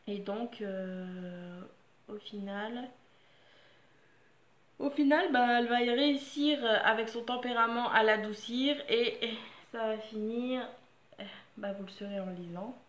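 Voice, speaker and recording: A woman's voice: a little high, slow, pauses often, reverberant, slight background noise. A woman casually reviewing books in a frank, joking way, reading out summaries and adding her own comments. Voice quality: chatty, frank and joking, reads blurbs then comments. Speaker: book vlogger. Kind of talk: casual book review chat.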